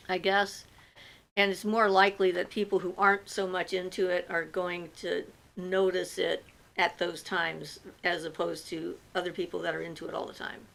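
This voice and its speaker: A woman's voice: fairly low pitch, level tone, moderate pace, gravelly, fairly bright tone, poor audio. A woman hosting a livestream, reading out viewers' questions and answering them in a loose, chatty way with many fillers. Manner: reads viewer comments aloud, then answers at length with fillers. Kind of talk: casual livestream chat.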